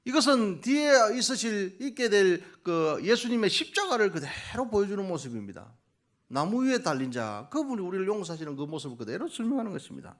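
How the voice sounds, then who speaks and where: A male missionary preacher giving a Sunday morning sermon, quizzing the congregation and coaxing answers, then building to loud, emphatic peaks. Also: high-pitched, very animated, brisk.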